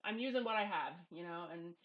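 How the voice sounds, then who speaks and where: A woman's voice: on the low side, animated, fairly quick, dull audio. Blunt, informal middle-aged woman vlogger. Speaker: YouTube vlogger. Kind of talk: casual confessional monologue to camera. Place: small home office. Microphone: headphones used as microphone.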